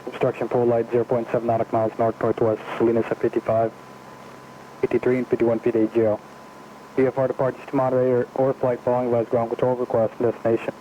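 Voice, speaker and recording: Rapid monotone airport weather broadcast, man. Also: mid-range voice. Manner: rapid monotone reading of weather and airfield notices. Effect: recorded airport weather broadcast over aviation radio. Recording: muffled aviation radio with faint static.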